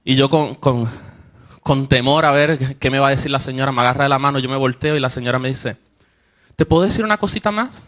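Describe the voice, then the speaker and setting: A man's voice: medium pitch, flat delivery, quick pace, a bit bright. A young man preaching to a congregation, telling a personal story and acting out the voices of the people in it. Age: young adult. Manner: storytelling, acts out quoted voices, rises with emotion. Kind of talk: sermon testimony to a congregation.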